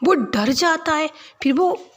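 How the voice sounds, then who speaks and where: A woman's voice: high voice, animated, takes it slowly. A woman telling a comic folk story in a chatty, casual way, speaking straight to her listeners. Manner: chatty, addresses listeners directly.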